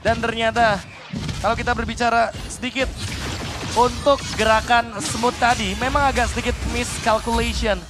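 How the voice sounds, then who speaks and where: A high-pitched man with an Indonesian accent breaks down a live match as an esports analyst. Music plays clearly behind his commentary. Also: flat delivery, normal speed.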